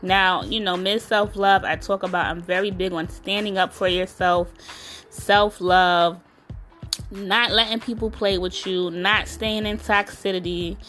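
A woman speaks close to the mic in a casual solo podcast. She coaches listeners in a frank, emphatic way and fills her speech with "you know". Faint music plays softly behind her. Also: lowish voice. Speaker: podcast host and self-love coach.

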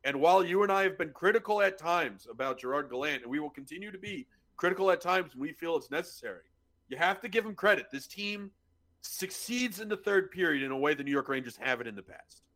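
A man's voice: a little high, lively intonation, fast talker, a bit bright. A man co-hosting a sports podcast in casual, profane, teasing banter. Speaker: podcast co-host. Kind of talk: casual chat.

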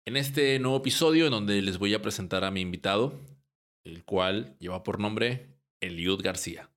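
A man's voice: lowish voice, moderate pace. Man hosting a podcast. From Mexico. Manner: relaxed, rambling with frequent restarts and short laughs. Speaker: podcast host. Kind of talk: casual podcast intro and interview.

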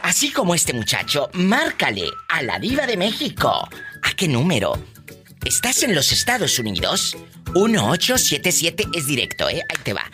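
A man's voice: on the high side, wildly swooping pitch, over music. Flamboyant male radio host. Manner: teasing, flamboyant, quick jokes. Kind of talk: playful radio call-in banter.

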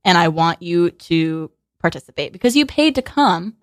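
A woman in her twenties chatting as a guest in a radio studio interview, sarcastic and quick to laugh, with lots of "like" fillers. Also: on the low side, animated, dry recording. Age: 20s. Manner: chatty and sarcastic, laughs often, heavy use of "like". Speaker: guest musician. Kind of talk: casual interview chat. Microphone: studio mic.

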